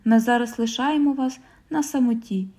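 A woman's voice: a little high, normal speed, mellow, lightly acted. A woman voicing a mocking, hot-tempered young husband who speaks in a sneering, scornful way.

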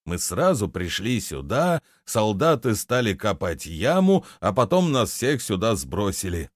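A man's voice: on the low side, big pitch swings, unhurried, no echo, clean studio sound. A man voicing a lean, anxious young tailor who talks in a raised, fretful voice, as in an audiobook reading. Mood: puzzled.

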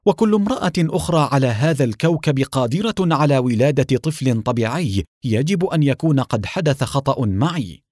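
A man's voice: mid-range voice, lively intonation, fairly quick, darkish tone, no room sound, clean studio sound, natural voice. A man voicing a guilt-ridden, frightened pregnant mother who speaks in a distressed, tearful way. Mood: distraught.

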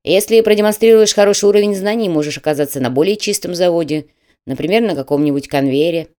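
A woman's voice: on the low side, warm tone, close to an everyday voice. A woman doing a stern official manager. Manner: brisk, official, mocking. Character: stern middle-aged male admissions manager.

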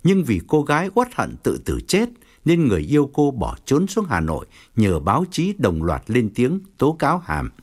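A man narrating an audiobook story with expressive storytelling. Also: mid-range voice, moderate pace. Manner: expressive, wide-ranging storytelling.

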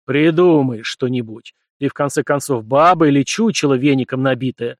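A stern, mocking god's voice, as a male narrator puts it on, loud and commanding, with gruff irony in every order. The sound is dry and close. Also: mid-range voice, moderate pace, no room sound, natural voice.

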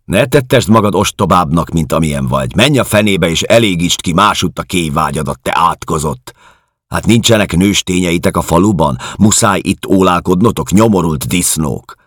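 A man's voice: sits low, expressive, fairly bright tone, no echo, studio quality, voice pushed up. A male audiobook reader voicing a bitter, furious interned woman who hurls scornful curses. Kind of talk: audiobook character reading.

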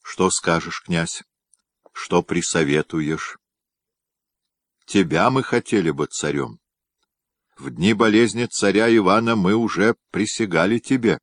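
Man reading as a hushed, worried conspirator boyar. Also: low voice, dry recording. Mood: pleading. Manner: hushed, measured.

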